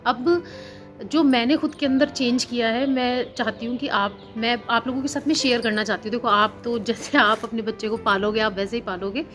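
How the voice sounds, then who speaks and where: A woman in her thirties with a fairly high voice speaks earnestly, as if chatting casually in a parenting vlog. She repeats points for emphasis and mixes in English words. Faint music plays quietly underneath. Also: fairly even intonation, normal speed. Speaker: vlogger, housewife and teacher. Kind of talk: casual chat about parenting.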